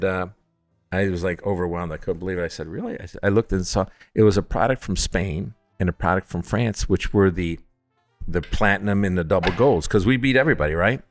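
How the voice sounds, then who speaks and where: With no room sound behind him, this low-voiced man, a distillery founder from Upstate New York, spins casual stories during an interview. He acts out the quotes vividly and keeps things jokey, often poking fun at himself.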